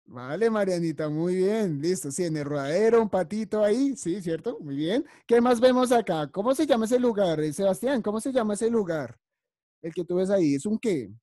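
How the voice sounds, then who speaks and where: A woman leads an online preschool English class, calling on children by name and praising each answer. Her voice is mellow and warm, recorded dry and close through a computer mic. She speaks with patient, encouraging warmth. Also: mid-range voice, expressive, moderate pace, dry recording. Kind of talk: online class teaching vocabulary.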